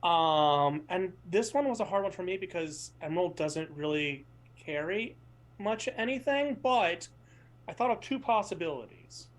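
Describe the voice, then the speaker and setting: A man chatting casually as a tabletop show player, phrasing things in a halting, deliberate way. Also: high voice, animated. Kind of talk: casual chat.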